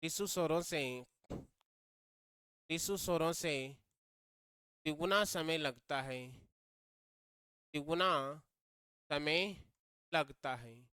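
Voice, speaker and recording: A man's voice: a little high, extremely slow, long pauses, sharp tone, clear, resonant tone, no echo. A man teaching a grammar lesson, repeating key phrases and quizzing his students as he goes.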